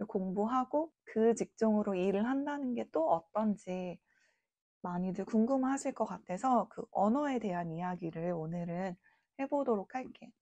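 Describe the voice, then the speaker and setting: A woman's voice: medium pitch, moderate pace, warm tone, no echo, highs cut off. A woman in her late thirties from South Korea, talking to her viewers in a chatty, reflective, informal way. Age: late 30s. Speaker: vlogger. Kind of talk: casual talking-to-camera vlog.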